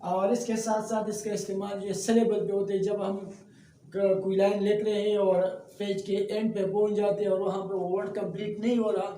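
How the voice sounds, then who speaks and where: A male teacher giving a step-by-step grammar lesson, pausing often to check that listeners follow. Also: high voice, little pitch movement, dark tone. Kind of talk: classroom-style grammar lesson. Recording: echoey room, distant mic, faint noise.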